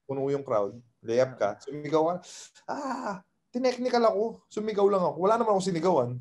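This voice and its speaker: A man's voice: high-pitched, quick pace. A man in his thirties, a podcast guest, telling a story in a casual chat and acting out the lines of the people in it. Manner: animated, acts out quoted exchanges. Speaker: podcast guest, former college basketball player.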